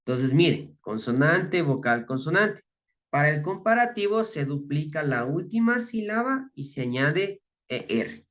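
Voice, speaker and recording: A man's voice: a little high, sing-song, a bit bright. A man teaching English grammar in a recorded lesson, explaining each step patiently and often checking for understanding. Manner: reads English words slowly and clearly, then gives the Spanish meaning.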